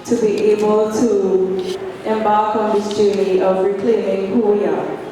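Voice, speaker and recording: A woman hosting a community event, making slow, deliberate announcements and inviting people forward. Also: medium pitch, steady tone, mellow. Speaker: event host. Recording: echoey hall from far off, background noise.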